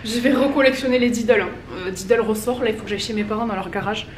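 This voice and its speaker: A Frenchwoman in her thirties talks casually and rambles to the camera at home while folding laundry, vlogger-style, in a fairly high voice at a quick pace. The mic is distant, the room echoes, and there's background noise.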